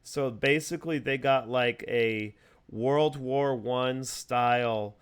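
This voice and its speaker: A man's voice: medium pitch, takes it slowly, clear, resonant tone. A man hosting a casual chat over a video call, explaining things at length with many fillers and restarts. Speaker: host. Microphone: video call mic.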